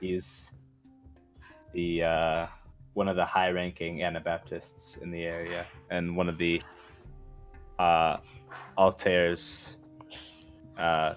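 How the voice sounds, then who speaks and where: Deep, slow-talking man running a game. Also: completely flat delivery, faint music behind. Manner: slow, halting narration with many fillers. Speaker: game master. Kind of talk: narrating a tabletop game.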